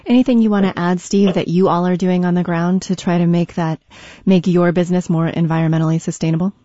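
A woman hosts a call-in radio show in a smooth, unhurried host manner. Her voice is mellow and warm, recorded close and dry in the studio. The broadcast sound is slightly dull. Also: on the low side, steady tone, no room sound. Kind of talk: smooth radio hosting, taking calls and guiding a panel.

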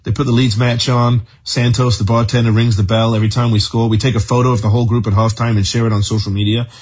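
Fast-talking English man in his fifties. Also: medium pitch, flat delivery, darkish tone, slightly rough, lo-fi sound. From northern England. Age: 50s. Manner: enthusiastic, rapid and chatty. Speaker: football supporters club member. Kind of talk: interview answers.

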